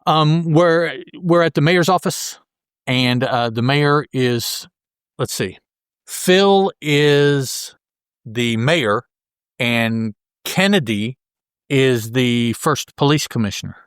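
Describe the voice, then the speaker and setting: Speaking slowly in a medium-pitched, clean voice, a man co-hosts a podcast in studio-quality audio without echo. He chats casually about comic books, wandering loosely from point to point.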